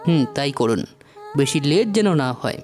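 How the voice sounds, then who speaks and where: A cunning young male gangster, voiced by a woman in an audio drama, calm and persuasive while he schemes. The voice is pitched very low for a woman. Faint music sits behind. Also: a little slow. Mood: scheming.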